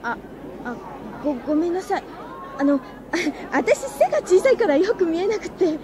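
A woman's voice: very high-pitched, sing-song, moderate pace, a crowd in the background. An actress playing a small, eager teenage schoolgirl detective in a radio drama, pleading and stammering. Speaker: lead actress and narrator.

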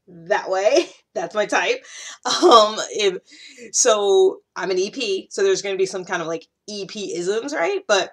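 This American woman in her thirties has a mid-range voice and takes her time. Hosting a YouTube channel on self-growth, she talks casually straight to camera, gesturing animatedly and repeating points for emphasis.

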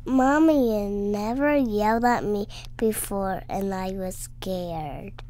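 A small, innocent child tells a horror story at a slow, unhurried pace, as a woman puts on the voice. The delivery is soft and childlike, a little high, with a mellow, dark tone. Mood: innocent, hushed. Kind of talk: scripted horror story narration.

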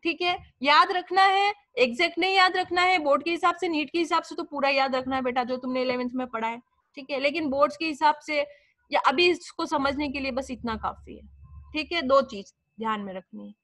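A woman's voice: high voice, fairly quick, fairly bright tone, dry recording. A young woman teaching a biology class, explaining step by step and answering her own questions. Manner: mixes English terms into Hindi. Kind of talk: classroom lecture.

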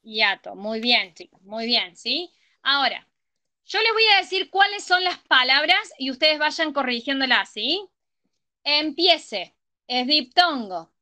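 A woman's voice: high-pitched, expressive, slow pace, pushed and bright. A woman teaching a grammar class, often checking that students follow. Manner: checks understanding with frequent ¿sí? and ¿estamos?. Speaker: tutor.

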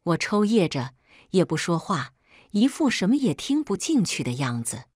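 A woman telling a first-person story as scripted narration, reading in a steady, measured way. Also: on the low side, no echo, studio quality.

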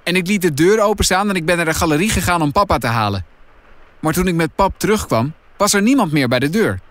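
A man's voice: high-pitched, expressive, quick pace, a bit bright, no echo, voice pushed up. A man voicing a nervous, doubtful boy in a storybook reading, sounding anxious.

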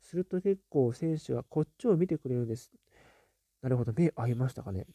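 A man hosting a casual live stream, reading viewer comments aloud and musing on them with soft little fillers. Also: medium pitch, lively intonation, fairly quick, slightly rough, dry recording.

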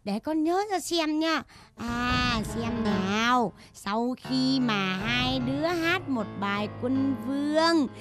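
A woman's voice: high voice, animated, slow pace. A woman playing a naive, lovestruck young village woman with a Northern Vietnamese accent, coy and gushing in a stage comedy sketch. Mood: drowsy. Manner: giggly, coy, exclaiming, sings sweetly. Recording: music playing underneath.

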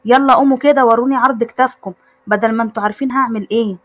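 A woman's voice: on the high side, fairly even intonation, rapid-fire, muffled recording, lightly acted. A woman voicing a bossy, cheerful heroine. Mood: bossy teasing. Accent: Egyptian Arabic. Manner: teasing, bossy.

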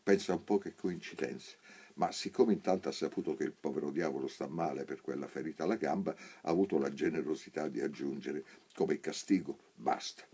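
A man narrating a literary audiobook with a very low, dark voice. His tone is husky and mellow, and he tells the story at an unhurried, measured pace. He lifts his pitch when quoting characters. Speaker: actor reading a novel aloud.

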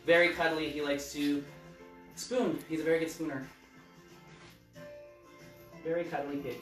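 A man's voice: a little high, level tone, unhurried, fairly bright tone, reverberant, soft background music, rough recording. A man hosting a children's storytime as a drag queen, chatting casually and playfully with viewers. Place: living room at home, indoors.

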